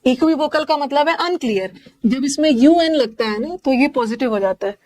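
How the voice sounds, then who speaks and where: A woman's voice: high voice, lively intonation, normal speed, a little mellow. A woman with an Indian accent teaching English synonyms in a live online class, explaining each word with jokes and memory tricks.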